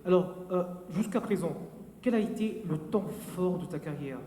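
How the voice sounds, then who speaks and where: A man's voice: high voice, normal speed, dark tone. Hesitant man asking questions, echoey room. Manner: hesitant, many fillers.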